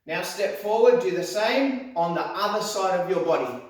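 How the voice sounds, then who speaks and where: A male karate instructor teaching step by step, calling out sharp, clipped martial arts commands. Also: high voice, animated, moderate pace. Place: echoey indoor room, voice some distance from the mic. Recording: very echoey hall, distant mic.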